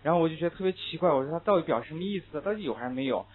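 A man teaching an English class, lively and chatty, mixing in English phrases and anecdotes. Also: a little high, very fast, husky. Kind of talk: classroom lecture. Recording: tinny, phone-like lecture recording.

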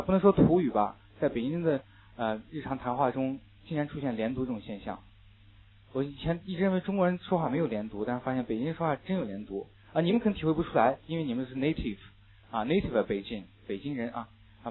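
Tinny recorded male English teacher. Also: medium pitch. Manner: lively, chatty, mixes English phrases and anecdotes. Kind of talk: classroom lecture. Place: classroom. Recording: tinny, phone-like lecture recording.

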